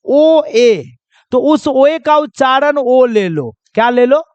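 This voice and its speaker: A man's voice: very high-pitched, animated, slow pace, a little mellow, smooth, no room sound, dull audio. A man teaching pronunciation rules in a classroom-style lesson, constantly quizzing his listeners with repeated questions and calling them children. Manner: drills with repeated quiz questions; addresses viewers as children.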